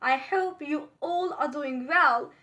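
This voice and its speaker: Female pronunciation teacher, unhurried drill delivery, bright clear tone, speaks straight to viewers. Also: high-pitched. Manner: repeats model words slowly for drilling; addresses viewers directly with instructions. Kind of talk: pronunciation lesson.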